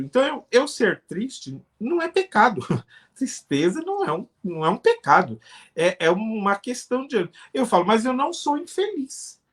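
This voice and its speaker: An older man from Brazil, a pastor, answering in an earnest, explanatory way during a live-streamed interview. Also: fairly high pitch.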